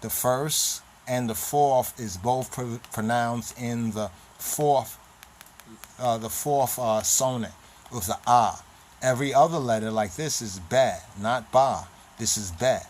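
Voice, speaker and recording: A man's voice: mid-range voice, slow pace, a little mellow. A man giving an informal lesson on an alphabet, naming the letters one by one, repeating sounds and often checking in with "right?". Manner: repetitive, spells out letters one at a time, frequent "right?". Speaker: teacher. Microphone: handheld camera.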